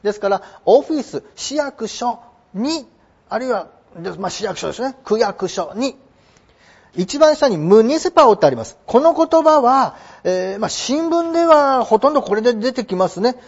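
A man explaining English vocabulary in a chatty lesson, slowing down to spell out words. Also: extremely high pitch, big pitch swings, slightly rough. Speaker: English teacher. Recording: dull lo-fi recording.

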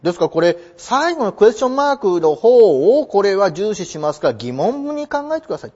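The audio is muffled and lo-fi: a man is giving an animated, emphatic lecture on an English passage, reading the English slowly. His husky, high voice jumps up and down as he stresses his points.

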